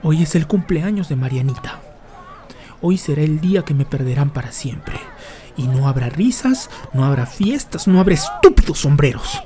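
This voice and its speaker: An actor plays a young boy in a radio drama. He is wounded and resentful, and he talks of being forgotten with a heavy, brooding edge. His voice sits at an ordinary middle pitch. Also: expressive, normal speed, mellow, natural voice. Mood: bitter. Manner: resentful, then pleading and desperate. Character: bitter young boy plotting to die.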